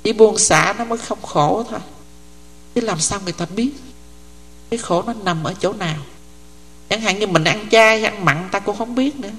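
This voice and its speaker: A woman's voice: mid-range voice, normal speed, pauses often, fairly bright tone. Older female nun, mid-range voice, conversational sermon with frequent check-ins, long hall reverb. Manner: conversational, often checks the audience follows. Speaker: Buddhist nun teaching. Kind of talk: dharma talk.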